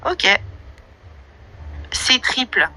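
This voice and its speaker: A woman's voice: extremely slow, pushed and bright, slight background noise, poor audio. A woman hosting an online audio room, giving a brash, slangy, confrontational monologue. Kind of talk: casual monologue with listener questions.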